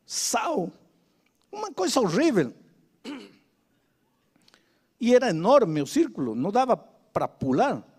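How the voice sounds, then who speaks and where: High-voiced older male preacher. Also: sing-song, takes it slowly, pauses often, darkish tone, husky, long reverb tail. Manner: emphatic, repetitive preaching with dramatic storytelling. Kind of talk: sermon.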